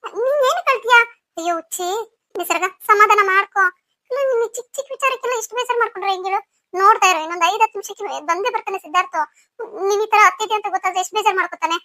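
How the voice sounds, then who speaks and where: A woman's voice: very high voice, very fast, bright, forceful tone, no echo, studio quality. A woman voicing a caring elder sister in a cartoon story, coaxing and reassuring. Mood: soothing. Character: caring older sister, soothing and firm.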